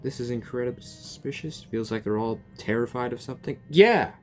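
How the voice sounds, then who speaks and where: A man with a mid-range, slightly mellow voice talks fairly quickly over faint background music. Playing through a game's story quest, he offers casual, jokey commentary and answers back to the characters.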